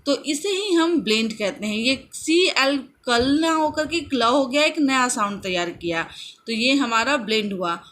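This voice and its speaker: A woman teaching children phonics in a mix of Hindi and English, slowly sounding out and repeating each word. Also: on the high side, animated, a bit bright, slight background noise. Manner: slow, drawn-out repetition of sounds and words.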